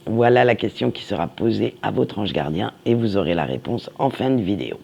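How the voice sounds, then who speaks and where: A man giving a weekly tarot reading, slow and meandering, reassuring, with many fillers. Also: fairly low pitch, lively intonation, creaky, mellow, husky, highs cut off. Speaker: tarot card reader.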